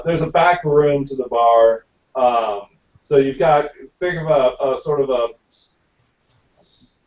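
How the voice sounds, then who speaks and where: A man's voice: mid-range voice, darkish tone. A man narrating a tabletop game as dungeon master, thinking aloud with many fillers. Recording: roomy, distant, dull amateur recording.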